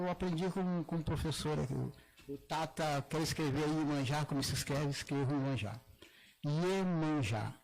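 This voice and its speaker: An older man from southern Brazil, a religious elder giving a halting public talk with many restarts and slowly drawn-out demonstration words. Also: a little high, low-quality recording. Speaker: Afro-Brazilian religious elder speaking at a gathering. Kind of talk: public talk, explaining pronunciation.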